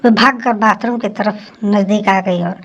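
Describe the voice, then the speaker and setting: Woman narrator for a spoken story, even and steady. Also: mid-range voice, normal speed, lo-fi sound. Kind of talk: scripted first-person story narration.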